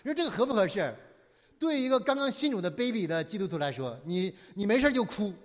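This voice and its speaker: A man's voice: high-pitched, very animated, fast, in a large hall. A man preaching a sermon, firing rhetorical questions at his listeners and mockingly acting out whiny pleading prayers. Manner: preaching with constant rhetorical questions for the audience to answer. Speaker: pastor.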